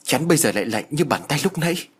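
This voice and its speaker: A man's voice: a little high, lively intonation, fast talker, husky, voice pushed up. A man voicing a worried young woman doctor. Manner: urgent, worried.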